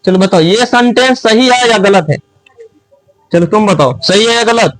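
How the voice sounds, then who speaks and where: High-pitched guy teacher quizzing a class, calls out loud sometimes. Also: moderate pace, poor audio. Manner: quizzing students, often raising voice.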